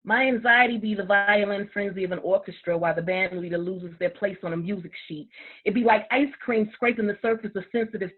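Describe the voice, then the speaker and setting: A woman reciting spoken-word poetry in a measured, vivid way, heard over choppy video call audio that freezes and cuts out. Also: medium pitch, phone-quality sound. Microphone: computer or phone on a video call.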